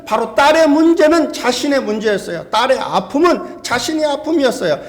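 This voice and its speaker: A man preaching a sermon in a fairly high voice, pressing his points with emphasis. He keeps turning to the congregation with rhetorical questions. The sound carries the long reverb of a church sanctuary. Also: lively intonation, a little fast. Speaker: pastor.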